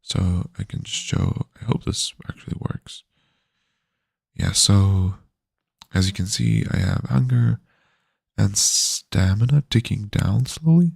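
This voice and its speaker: A man's voice: fairly low pitch, takes it slowly, vocal fry, darkish tone, breathy edge, dry recording, clean studio sound. A man streaming his game development work, talking casually and sleepily with many fillers and restarts. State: yawny. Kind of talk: casual live-stream devlog.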